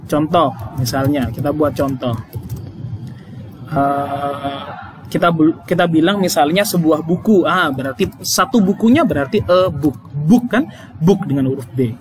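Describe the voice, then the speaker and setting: A man's voice: on the high side, measured pace, background noise. A male English teacher explaining grammar in a lesson, emphatic, repeating key points and checking with "oke?".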